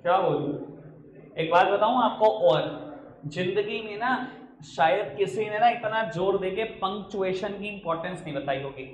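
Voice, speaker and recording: Male accountancy teacher from up, highish voice, teasing scolding tone, echoey room with a faint hiss behind. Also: normal speed. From Uttar Pradesh, India. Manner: teasing, scolding, calls students "babu" and "beta". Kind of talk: online class lecture.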